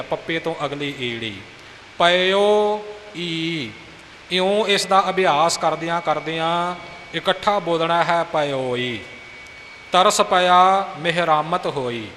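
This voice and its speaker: A man's voice: a little high, sharp tone. A man teaching the correct pronunciation of scripture recitation, patient and instructive, repeating phrases to model them. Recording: hissy recording with long reverb.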